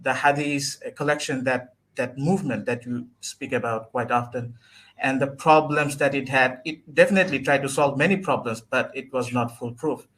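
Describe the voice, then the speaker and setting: A man from Bangladesh, speaking as an interview guest, earnest and often pausing to search for words. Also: mid-range voice, fairly bright tone. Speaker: guest, religious scholar. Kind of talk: live online interview.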